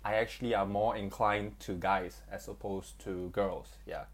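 A man's voice: lowish voice, fairly even intonation, normal speed. A young man co-hosting a casual podcast, chatty, with many fillers and restarts. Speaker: podcast co-host.

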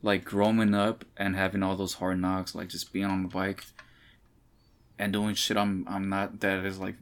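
Deep gravelly laid-back man. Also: completely flat delivery, moderate pace. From Los Angeles. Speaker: podcast co-host. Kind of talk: casual podcast chat.

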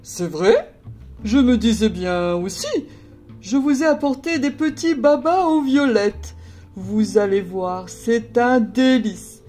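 A woman's voice: fairly high pitch, warm tone. A woman voicing a shy, nervous man courting a lady in a read-aloud story, hesitant and timid.

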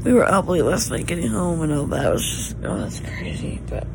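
A woman's voice: very animated, fairly quick, creaky. A woman with a Southern US accent chatting casually to viewers as a family vlogger, in a drawling, folksy, encouraging way. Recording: noisy handheld recording with vehicle rumble.

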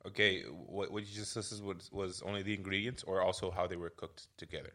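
A young man chatting on a podcast, his voice lowish but bright and forceful. He gets hesitant and trips over his restarts when he explains something. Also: fairly even intonation, brisk. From Curaçao. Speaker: podcast co-host. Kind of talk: casual chat.

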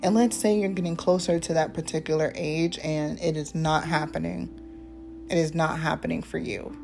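A woman in her twenties hosting a casual faith-based podcast, talking in a relaxed, rambling way with many ums and asides. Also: low-pitched, normal speed, creaky, over music. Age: 20s. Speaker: podcast host.

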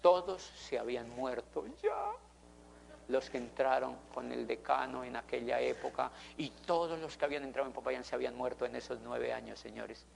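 A man's voice: medium pitch, expressive, normal speed, vocal fry, a little hiss or hum. A middle-aged man, telling an emphatic motivational story to an audience and repeating phrases for effect. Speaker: motivational speaker.

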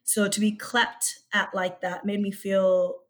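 A young woman raised in Australia, speaking as an interview guest in a reflective, thoughtful way with frequent pauses and ums. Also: mid-range voice, flat delivery. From born in Egypt, raised in Australia. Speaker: guest, researcher and youth activist.

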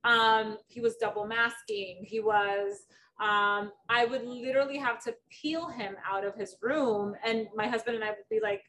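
Middle-aged woman hosting a chat, kinda high voice, sounds far from the mic w/ a little background noise. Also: fairly even intonation, a little slow, pushed and bright. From Dominican Republic. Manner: chatty, storytelling, many fillers. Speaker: podcast host. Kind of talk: casual conversational interview.

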